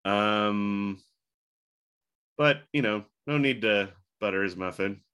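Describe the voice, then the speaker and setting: A man's voice: on the low side, takes it slowly, bright, forceful tone, clear, resonant tone. A man hosting a podcast in a loose, rambling casual chat, with a bad case of the hiccups. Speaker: podcast host.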